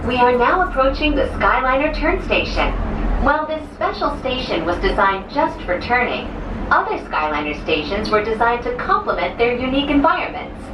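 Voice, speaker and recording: A woman's recorded voice giving a polished, welcoming scripted tour announcement, played over a loudspeaker inside a moving gondola cabin. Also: sing-song, moderate pace, far from the mic. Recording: muffled, echoey speaker heard from across a cabin, loud vehicle noise. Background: rumbling vehicle noise.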